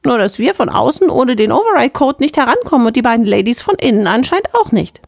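A woman reading an audiobook, voicing a sharp-witted female chief engineer with a brisk, cocky manner. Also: fairly high pitch, big pitch swings, creaky, no room sound, clean studio sound, voice pushed up, exaggerated voice. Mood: explaining. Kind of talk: audiobook character voice.

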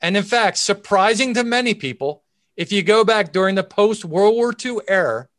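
Guy doing expert commentary in an interview, voice a bit high, explains point by point, dry recording. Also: a bit bright, dry recording. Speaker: chief investment officer, interview guest.

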